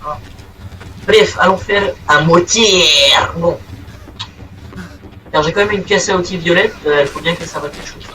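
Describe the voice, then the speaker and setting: A young man giving crude, excitable commentary while he plays a game, swearing often. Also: high-pitched, normal speed, long pauses, distant mic, noisy background. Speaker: gaming video creator. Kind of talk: playing commentary. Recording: voice set back from the mic, game music behind.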